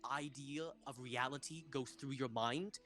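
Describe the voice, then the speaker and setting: Halting tabletop game master, music behind. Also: mid-range voice, a bit bright. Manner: casual, halting narration with restarts.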